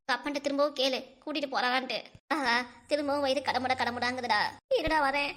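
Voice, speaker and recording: Woman doing a whiny sick cartoon mom, high voice, groaning the whole time. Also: fairly even intonation, fast talker, a bit bright. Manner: whiny, moaning, groaning with stomach pain. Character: ailing middle-aged village mother, complaining. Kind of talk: cartoon voice acting.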